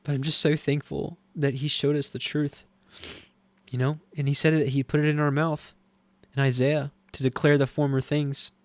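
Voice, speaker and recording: A man teaching scripture and reading it aloud, earnest and halting, with frequent restarts and moments of strong feeling. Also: on the high side, little pitch movement, no room sound. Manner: easily moved, voice swelling with feeling. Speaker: Bible teacher.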